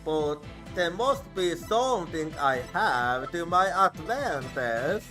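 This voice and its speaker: A man with a sing-song, rather high voice talks slowly while streaming a game over background game music. He muses and thinks aloud to himself in a relaxed gameplay commentary.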